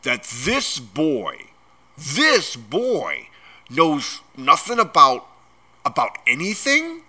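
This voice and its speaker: Blustering giant gamekeeper, growling and booming, bright forceful tone, big pitch swings, storybook reading. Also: male voice, sing-song, unhurried, heavily acted. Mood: thundering outrage. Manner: booming, growling, rustic speech. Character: huge gruff giant gamekeeper, blustering and indignant.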